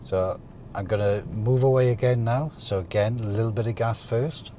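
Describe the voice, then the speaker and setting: A man talking through a driving lesson as an instructor, calmly explaining each step while he drives. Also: on the low side, moderate pace. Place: inside a moving car. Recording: car interior with faint vehicle noise.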